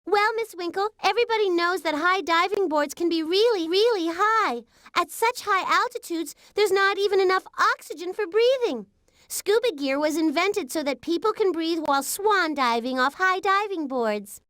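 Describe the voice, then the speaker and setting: A woman's voice: extremely high pitch, animated, moderate pace, a bit bright, no room sound, studio quality. A woman voicing a mischievous young girl prankster in an educational game, taunting and bossy. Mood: smug. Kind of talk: 1990s educational game voice acting.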